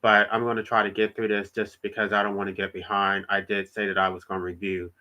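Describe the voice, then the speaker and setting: A congested man with a nasal, fairly low voice hosts a solo livestream as an author and channel host. He reads his own writing aloud in a completely flat, quick, sharp delivery, then explains it in plain, emphatic terms.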